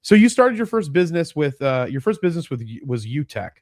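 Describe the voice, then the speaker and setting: A man's voice: on the high side, big pitch swings, fairly quick, darkish tone, dry recording, clean studio sound. A man hosting a podcast in a casual interview chat, rambling a little, laughing often and trailing off mid-thought. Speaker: podcast host.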